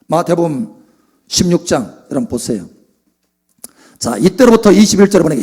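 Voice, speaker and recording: Man, pastor, animated sermon, high-pitched, husky voice. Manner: animated preaching, acting out Bible scenes and asking the congregation "응?".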